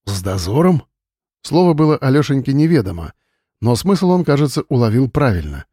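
A man narrating an audiobook in an even, measured reading style on a close mic. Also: medium pitch, no echo. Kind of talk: scripted narration.

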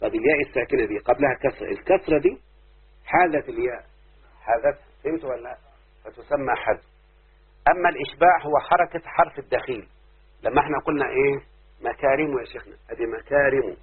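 Fast and slightly rough in a mid-range voice, a sheikh pauses often while teaching Arabic rhyme in a classroom lecture. He has an Egyptian Arabic accent and repeatedly quizzes his students, all on a very tinny lo-fi recording.

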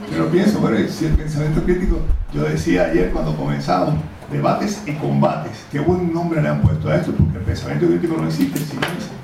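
Older cuban guy w caribbean spanish accent giving an off the cuff talk, low gravelly voice, super echoey noisy room. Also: wildly swooping pitch, a little fast, few pauses, far from the mic. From Cuba. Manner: frequent throat-clearing, digressive. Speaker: academic conference speaker. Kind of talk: informal extemporaneous lecture. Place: indoor conference room, recorded from afar.

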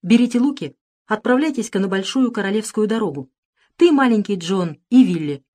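A woman's voice: mid-range voice, animated, brisk, mellow, close to an everyday voice. A woman reading a storybook, voicing a bold, cheerful male outlaw leader who gives orders. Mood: commanding. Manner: commanding, jovial.

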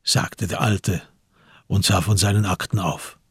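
Husky-voiced male narrator. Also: deep voice, unhurried, no echo, clean studio sound. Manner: even, literary storytelling. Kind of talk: radio play narration.

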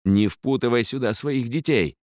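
A man reading an audiobook, voicing a fierce young woman summoner who talks in a sharp, scolding way. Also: mid-range voice, normal speed, no echo, clean studio sound, voice pushed up, natural voice. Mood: scornful. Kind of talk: audiobook character voice.

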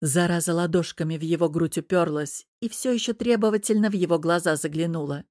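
A woman narrates an audiobook in a steady, even manner. Her voice sits on the low side, and the recording is dry and close-miked. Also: a little fast, dry recording. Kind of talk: scripted narration.

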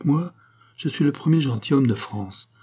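A man reading aloud, voicing a calm, dignified king speaking gently to his wife. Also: mid-range voice, moderate pace, slightly rough, voice pushed up. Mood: composed. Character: calm noble king, middle-aged man.

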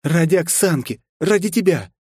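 Brief: male reader doing a high, scornful huntress, cold and ready to explode. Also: expressive, normal speed, a little mellow, breathy edge, no room sound, clean studio sound. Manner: cold then shrieking, abusive. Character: fierce adult woman hunter, volatile wife.

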